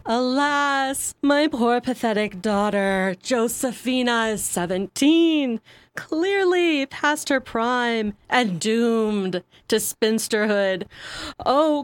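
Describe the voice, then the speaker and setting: A woman's voice: on the high side, clean tone, dry recording. A woman voicing a self-pitying, melodramatic society matriarch who wails and laments theatrically in a comic stage play. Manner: theatrical wailing, drawn-out lament.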